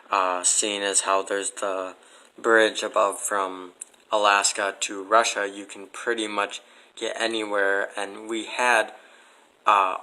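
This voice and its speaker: A man chats casually as an interview guest, speaking bluntly and skeptically. His lowish voice sounds pushed and bright, and the recording is rough.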